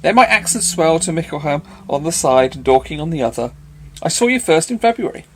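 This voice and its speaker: A man's voice: on the high side, a little fast, slight background noise, pitched above the performer's own voice, close to an everyday voice. A man playing an impudent young charmer.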